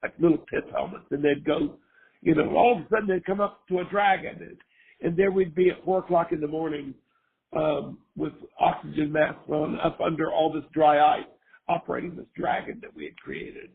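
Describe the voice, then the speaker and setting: An older man, hoarse from a cold, chatting casually as an interview guest and rambling with lots of fillers. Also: on the high side, normal speed. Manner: rambling, full of fillers and restarts. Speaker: guest, former costume maker. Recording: tinny phone-line sound.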